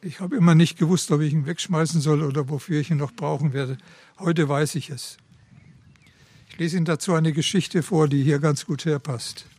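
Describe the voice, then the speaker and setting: A man's voice: on the high side, fairly even intonation, normal speed, darkish tone, husky, no room sound. A man giving a devotional talk in a solemn, reverent way and reading a story aloud. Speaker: preacher.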